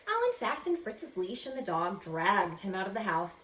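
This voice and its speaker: Reading a picture book to children, a woman uses a medium-pitched, sing-song voice with a fairly bright tone. She performs the story dramatically and breaks off to quiz her young audience. There's a roomy echo with faint noise behind her.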